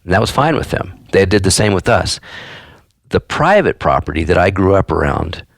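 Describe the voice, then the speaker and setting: A man with a Missouri accent, a guest editor who talks in an articulate, emphatic way in a relaxed conversation. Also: low voice, moderate pace, creaky, no echo. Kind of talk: casual conversation.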